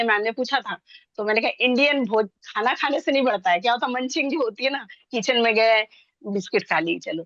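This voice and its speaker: A woman in her sixties from India tells her own story in an excited, rambling way, talking fast and restarting her sentences often. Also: a little high, dry recording, highs cut off. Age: 60s. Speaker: interviewee sharing her story. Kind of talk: excited personal testimonial.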